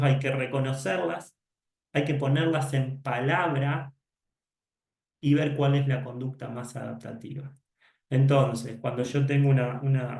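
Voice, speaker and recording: A man's voice: mid-range voice, darkish tone, roomy sound. A man, a psychologist giving a conference lecture to teachers, explaining and acting out short dialogues. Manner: explanatory, acts out dialogues, self-corrects.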